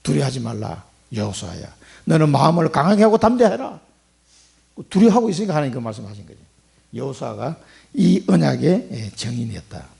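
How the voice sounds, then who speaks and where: A man's voice: fairly high pitch, gravelly, dark tone. A middle-aged man preaching a sermon in church as pastor, asking the congregation rhetorical questions. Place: church sanctuary.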